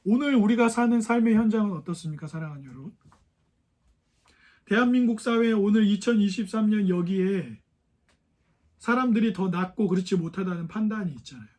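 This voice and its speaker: Man, pastor, high-pitched voice, conversational sermon, lots of rhetorical questions to the congregation. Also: lively intonation, a little fast, darkish tone. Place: church sanctuary.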